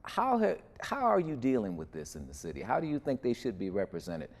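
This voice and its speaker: A man's voice: medium pitch, huge pitch swings, a little fast. A man co-hosting a local TV interview, asking probing and playful questions in a studio. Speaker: TV show co-host.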